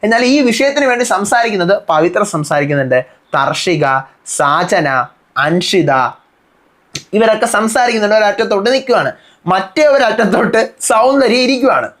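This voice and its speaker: A man who reviews a TV reality show, giving a fast, casual recap and acting out the lines he quotes. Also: high-pitched. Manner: animated retelling, acts out quoted lines.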